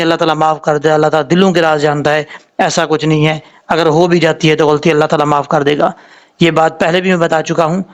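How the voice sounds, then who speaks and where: High-voiced Pakistani Urdu Quran teacher. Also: male voice, a bit bright. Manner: patient, explains letter sounds slowly and repeats words. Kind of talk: tajweed lesson with spelled-out recitation.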